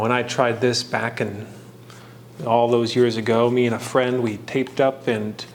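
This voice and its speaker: Explaining each step of a craft project, the mid-pitched male host keeps things loose, speaking in brief, faltering phrases and adding jokes and fun facts. Ambient noise can be clearly heard behind him.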